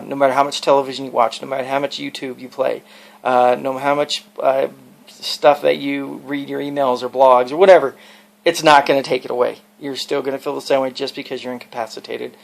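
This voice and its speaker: A man records a casual, personal video log, explaining and advising as he goes. His voice is gravelly, with plenty of creak. He rambles earnestly from one point to the next. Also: medium pitch. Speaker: video blogger.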